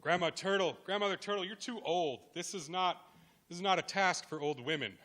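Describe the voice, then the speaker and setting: A man voicing a group of impatient young male animals who loudly brush off an old turtle. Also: high voice, fairly quick, voice pushed up. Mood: dismissive. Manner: scolding and loud.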